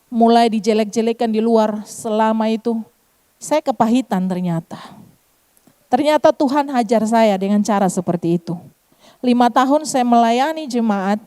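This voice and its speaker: Mellow-voiced woman pastor preaching. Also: a little high, clean tone. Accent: Eastern Indonesian, Kupang Malay. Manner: addresses congregation as "saudara" often. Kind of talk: sermon with personal testimony.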